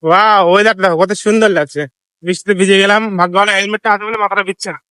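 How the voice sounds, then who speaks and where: A man with a Bengali accent, vlogging in casual chat with a sore, scratchy throat. He talks quickly and teasingly to the camera. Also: sits high, steady tone, bright, forceful tone, clear, resonant tone, no room sound.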